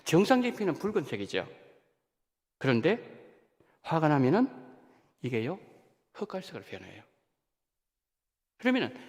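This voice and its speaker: A man preaching a sermon in a church sanctuary, his fairly high voice swinging up and down as he stresses points. His words ring out with a long hall reverb around them. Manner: animated preaching, rising and dropping sharply for emphasis. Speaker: senior pastor.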